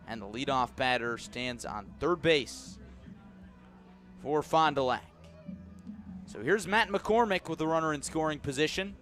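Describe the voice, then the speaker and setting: A man with an American accent calls live baseball play-by-play on the radio, in a voice that's a bit bright. He stays measured between pitches and rises in energy on the big plays.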